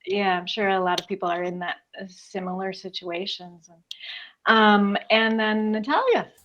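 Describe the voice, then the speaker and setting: A woman's voice: mid-range voice, normal speed, fairly bright tone, lo-fi sound. A woman moderating an online panel, upbeat and encouraging, handing the turn to each guest. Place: video call.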